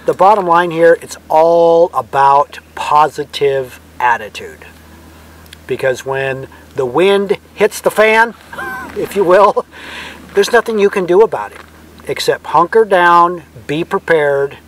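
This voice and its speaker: Higher-pitched male vlogger, folksy talk. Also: a little hiss or hum, rough recording. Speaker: vlog co-host. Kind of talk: casual advice to camera.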